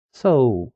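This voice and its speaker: An Argentine man, a native Spanish speaker with an Argentine Spanish accent, live-streams his coding and reads chat aloud. He speaks in halting phrases packed with fillers and restarts. His voice sits on the high side, and the sound is lo-fi.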